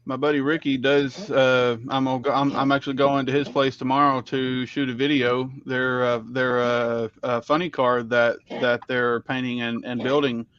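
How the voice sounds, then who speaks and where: A man's voice: medium pitch, fairly bright tone. A man chatting casually, teasing the others dryly and often restarting his sentences. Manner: dry teasing, stumbling restarts. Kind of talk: casual chat. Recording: dull lo-fi sound.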